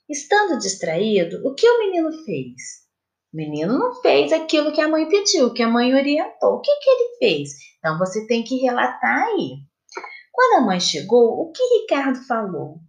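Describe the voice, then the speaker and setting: A woman teacher from Brazil with a Brazilian Portuguese accent, giving a recorded lesson to children in a slow, patient, sing-song questioning way. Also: fairly high pitch. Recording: echoey room.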